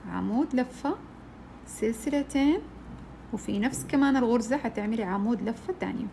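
Lady teaching crochet, slightly high gravelly voice, counting stitches out loud. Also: a little fast, a little hiss or hum. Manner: counts stitches aloud, patient. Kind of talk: step-by-step tutorial.

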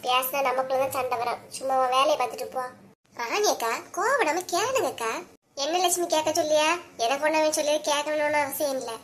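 High-voiced village woman with a Kanyakumari accent, as a woman voices her. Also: brisk, natural voice. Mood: stern. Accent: Kanyakumari Tamil. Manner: chatty, scolding, teasing. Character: village women, gossiping and scolding relatives. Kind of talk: cartoon voice acting.

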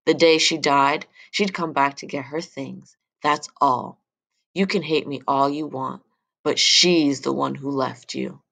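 A woman voicing a harsh, cruel middle-aged father who sneers and flares into yelling, in an audiobook reading. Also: a little high, very animated, unhurried, voice pushed up, full character voice. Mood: cold, cruel.

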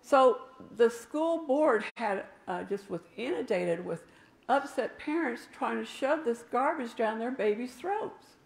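With a gravelly, slightly high and expressive voice, an older woman delivers a sermon a little slowly. Her preaching is emphatic, peppered with remarks to the people in the pews, and the audio has a roomy church echo from the sanctuary.

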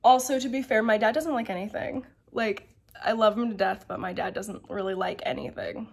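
A woman's voice: mid-range voice, fairly quick, creaky. Rambling young Midwestern woman. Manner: meandering, full of ums and likes. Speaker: vlogger. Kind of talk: casual chat to camera. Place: at home in her bedroom.

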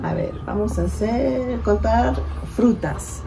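A woman leading a bilingual children's storytime, switching between English and Spanish and drawing out words slowly to count syllables. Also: fairly high pitch, vocal fry, very noisy. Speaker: children's librarian. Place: library.

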